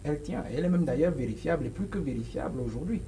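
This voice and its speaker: This man in his forties, a political guest with a Cameroonian French accent, talks quickly and expressively in a fairly high, warm voice. He is emphatic, gestures as he speaks, and hesitates a lot during the studio interview on a sofa set, picked up by a lapel microphone. The rough recording carries a little hiss or hum.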